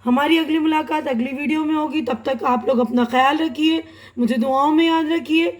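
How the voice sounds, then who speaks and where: High-voiced woman teaching a slow lesson. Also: fairly even intonation, roomy sound. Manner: reads example words slowly and deliberately, with frequent checking tags. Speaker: Urdu teacher. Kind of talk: online language lesson.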